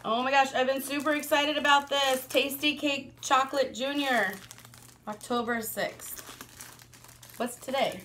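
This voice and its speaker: A woman and mother vlogging a casual product review, chatty and excitable, laughing often. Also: high-pitched, measured pace, a little hiss or hum.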